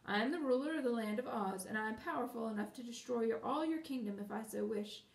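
A woman voicing a gentle girlish fairy queen who speaks quietly, sweetly and firmly, recorded in a roomy space from a distance. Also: on the high side, fast, vocal fry. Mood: calm.

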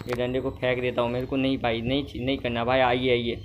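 Young man, casual gameplay commentary, chatty, mid-pitched voice, faint background hiss. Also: little pitch movement, quick pace, muffled recording. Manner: chatty, talks to himself, keeps saying brother; gets loud and scolding with game characters. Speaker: gamer.

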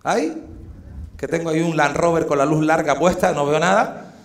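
A man's voice: a little high, moderate pace. A man from the Canary Islands with a Canarian accent, hosting and doing brash stand-up comedy on a live stage, teasing the crowd. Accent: Canarian Spanish. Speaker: comedian and host. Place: live stage in a hall with an audience. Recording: echoey hall with live audience.

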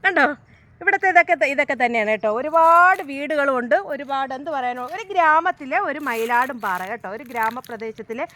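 A woman's voice: sits high, a little fast, sharp tone. A woman with a southern Kerala Malayalam accent giving chatty, casual travel vlog commentary, repeating phrases and checking in with viewers with tag questions. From Kerala, India. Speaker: travel vlogger. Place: outdoors, walking through a village and rocky hill. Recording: outdoor recording with background noise.

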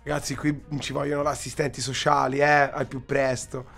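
A man's voice: mid-range voice, little pitch movement, a little fast, creaky, fairly bright tone, faint music behind. A man in his thirties giving casual live reaction commentary as a streamer, bemused and complaining, close to the mic. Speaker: streamer and host. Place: small indoor streaming room.

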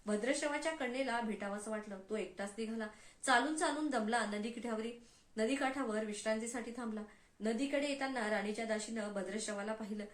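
A woman's voice: fairly high pitch, a little fast. Woman telling a devotional story. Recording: echoey room.

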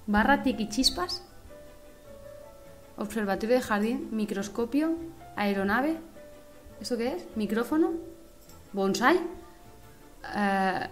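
A woman with an accent from Spain chatters through a let's play in a fairly high voice, swearing freely and slipping into goofy little songs. The game's music plays clearly behind her the whole time. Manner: excitable, swearing, breaks into silly singing. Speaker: gaming host. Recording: game music playing behind the voice. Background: game music.

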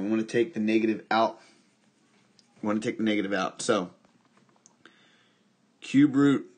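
A husky-voiced man teaching a recorded math lesson, talking through each step by asking and answering his own questions. His voice sits a little low, and he drops in dry, joking asides as he works. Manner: talks through steps with self-questions and wry asides.

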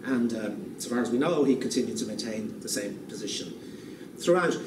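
A man's voice: medium pitch, lively intonation, moderate pace. A man in his sixties giving a public lecture at a lectern, thoughtful and restarting often, repeating words as he works out each point. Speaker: keynote speaker. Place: lecture room, standing at a lectern. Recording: echoey room, far from the mic, room noise.

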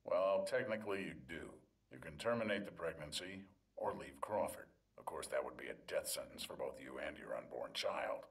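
A weary male doctor from a game drama, with a very low, creaky voice. He lays down rules in a measured, official tone with an apologetic edge, recorded at some distance as if on camcorder tape. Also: animated, heavily acted. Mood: cold, resigned. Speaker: doctor character in a video game. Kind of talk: dramatic video game acting.

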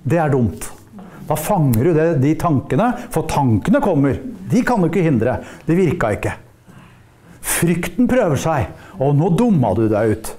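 A man from Norway preaches to a Bible school class with a high voice. His tone stays dark and mellow. He teaches in a lively way and often acts out small dialogues. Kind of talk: preaching lecture.

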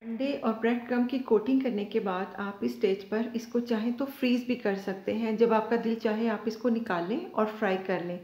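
A woman hosting her own cooking channel, calmly explaining each step of a recipe to viewers from her home kitchen. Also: on the high side, normal speed, few pauses. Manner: calm, instructive, addresses viewers directly.

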